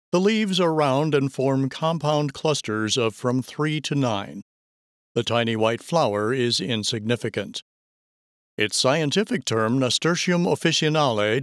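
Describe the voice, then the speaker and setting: A man narrating audiobook excerpts in a measured, even storytelling manner. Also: medium pitch, dry recording, studio quality.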